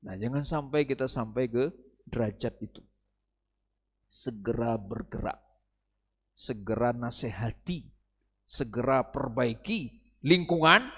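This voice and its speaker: A man preaching in a mosque study session, animated, swinging from soft asides to loud exhortations. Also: mid-range voice, long reverb tail. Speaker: Islamic preacher.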